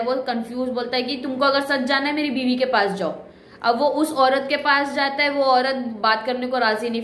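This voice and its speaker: High-voiced woman recapping a film. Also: fairly bright tone, roomy sound, slight background noise. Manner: chatty, wry, full of fillers and asides. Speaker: movie reviewer. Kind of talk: casual movie story recap.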